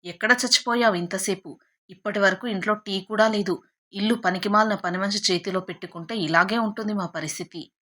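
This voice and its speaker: A woman narrating a storybook who voices a harsh stepmother that shouts at one daughter and pampers the other. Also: medium pitch, moderate pace, close to an everyday voice. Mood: scolding. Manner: sharp scolding shouts and sudden sugary pampering. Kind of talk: storybook narration with acted quotes.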